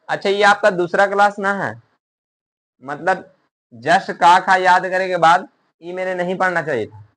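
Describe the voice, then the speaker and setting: A man's voice: fairly high pitch, fairly bright tone. A man teaching an online language lesson, spelling words out letter by letter and quizzing the viewer before answering his own questions. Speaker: Urdu teacher.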